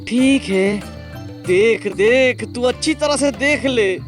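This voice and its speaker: A man's voice: very high-pitched, slow, music in the background. A man voicing a jumpy, cowardly young cartoon character who stammers in panic. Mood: scared.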